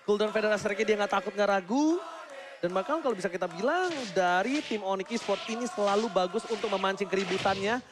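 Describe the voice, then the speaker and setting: A very high-pitched male esports shoutcaster with an Indonesian accent. He calls the match like a fighting game announcer, dramatic and emphatic, pushing his voice toward a shout. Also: fast. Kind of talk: excited fighting game announcer style play-by-play commentary.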